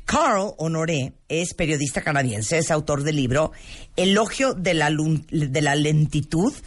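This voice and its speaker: A woman hosting a radio show in a studio, talking quickly and chattily and often cutting in. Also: deep voice. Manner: fast-talking, chatty, interrupting. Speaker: radio host. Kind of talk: casual radio chat.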